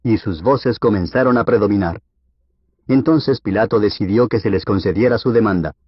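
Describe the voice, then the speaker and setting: A man reading scripture aloud for an audiobook in a steady, measured way. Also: lowish voice, breathy edge, dry recording. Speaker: Bible reader. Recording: dull, lo-fi dry recording.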